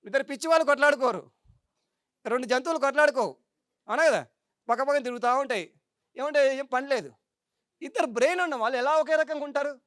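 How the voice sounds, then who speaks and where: Very high-pitched man giving a spiritual talk. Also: fast talker, pauses often, no echo, clean studio sound. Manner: rhetorical, repeatedly asking the audience for agreement; lively, repetitive, mocking tone. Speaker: meditation speaker.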